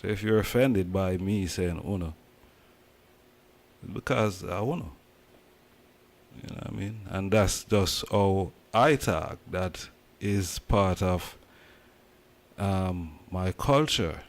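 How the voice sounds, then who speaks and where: Deep-voiced Jamaican man, emphatic. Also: slow pace, pauses often. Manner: emphatic, preaching in Jamaican patois. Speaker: host. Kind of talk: casual commentary.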